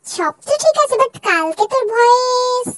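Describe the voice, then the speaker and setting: A woman's voice: very high-pitched, lively intonation, measured pace, a bit bright, soft background music, full character voice. A young woman voicing a bossy college girl who teases and scolds her friend, in a fan dub drama. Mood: teasing. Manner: teasing, scolding.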